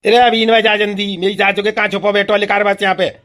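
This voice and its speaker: A man's voice: sits high, little pitch movement, quick pace, a bit bright, pitched below the performer's own voice. A performer voicing a swaggering village snake-catcher man who talks bossy and blustering in rural dialect.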